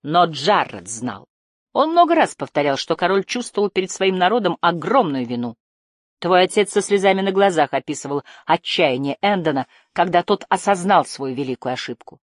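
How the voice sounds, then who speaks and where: Low-voiced weary male fighter read by a woman, audiobook dialogue, quiet and worn. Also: sing-song, normal speed, no echo, clean studio sound. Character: wounded weary male warrior.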